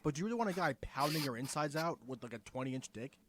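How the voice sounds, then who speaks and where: A young man co-hosting a podcast, chatting casually and joking in a fast, animated way. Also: a little high, a crowd in the background. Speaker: podcast co-host. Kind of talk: casual chat.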